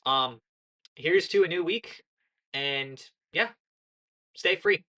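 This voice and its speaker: Earnest and lecturing, a young American woman in early adulthood talks through casual political commentary in a slow, low-pitched monotone, frequently correcting herself mid-sentence.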